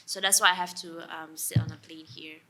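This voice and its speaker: A woman's voice: sits low, steady tone, brisk, pushed and bright, soft background music. A young woman from Sabah with a Malaysian English accent, guest co-hosting a podcast in casual chat, with many fillers like "like" and "um". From Sabah, East Malaysia. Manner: chatty, with fillers like "like" and "um". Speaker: guest co-host.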